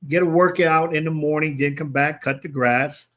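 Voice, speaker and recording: Nervous co-host and coach, a man with a bright, forceful voice. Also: fairly high pitch, fairly even intonation, moderate pace. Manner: nervous, ribbing, talks in restarts. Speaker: sports talk co-host and coach. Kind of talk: live game-watch commentary chat.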